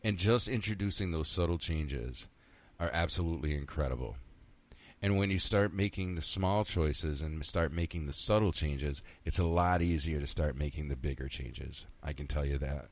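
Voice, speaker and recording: Deep-voiced man in his fifties, rambling. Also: moderate pace. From central New York. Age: 50s. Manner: rambling, candid, swears freely, talks to himself. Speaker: podcast host. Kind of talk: casual solo podcast monologue.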